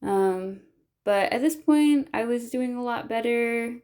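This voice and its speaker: A woman's voice: a little high, slow pace, warm tone. A woman explaining things and giving advice in a casual voice-over. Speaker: vlogger giving recovery advice.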